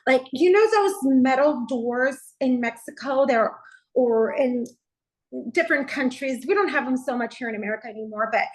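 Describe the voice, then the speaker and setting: High-voiced woman pastor telling her story. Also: animated, moderate pace, rough recording. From Texas. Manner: earnest, heartfelt storytelling with frequent "you know" fillers. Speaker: pastor sharing her testimony as a guest. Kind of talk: personal testimony in a conversational interview.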